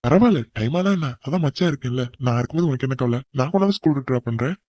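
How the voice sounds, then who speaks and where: A man's voice: mid-range voice, lively intonation, racing, darkish tone, no room sound, dull audio, lightly acted. A man voicing a cocky young man in a cartoon who bossily teases his cousin. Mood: teasing. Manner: bold, bossy teasing. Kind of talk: cartoon voice acting.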